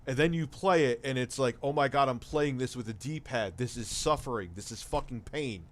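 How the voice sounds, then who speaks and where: A man's voice: medium pitch, normal speed. A man in his forties hosting a casual livestream chat, reading viewer messages and ranting with lots of swearing. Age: 40s. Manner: swears a lot, animated rants.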